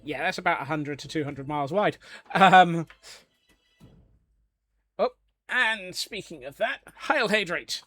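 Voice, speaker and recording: A man's voice: on the high side, unhurried, pauses often, sharp tone, soft background music. A man from Scotland chatting casually on a live gaming stream, joking along with viewers and answering their questions. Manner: chatty and jokey, answering chat.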